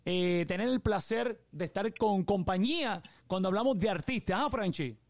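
A Puerto Rican man hosts a live radio interview, enthusiastic and chatty, often filling his pauses with "eh" and "este". His voice sits high for a man. The sound is close and dry. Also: no echo. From Puerto Rico. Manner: upbeat, enthusiastic, many fillers like "eh" and "este". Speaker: radio host.

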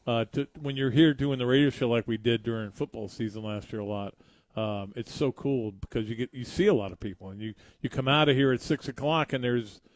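A man co-hosting casual live radio, rambling and often repeating himself haltingly. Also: mid-range voice, dry recording. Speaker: radio co-host.

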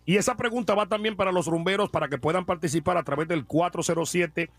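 A man's voice: sits high, fast talker, fairly bright tone, husky, no room sound, soft background music. A man hosting a radio call-in show, playful and chatty, reading out phone numbers. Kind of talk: lively radio call-in banter.

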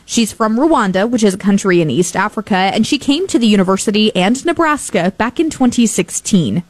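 A woman's voice: medium pitch, expressive, brisk, no room sound. Woman reporter narrating a radio feature. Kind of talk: scripted news feature narration.

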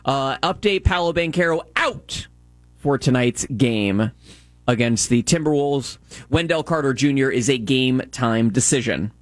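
A man's voice: medium pitch, expressive, a little slow, dry recording. A man co-hosting a sports talk show, reading scores and news and bantering with his co-host.

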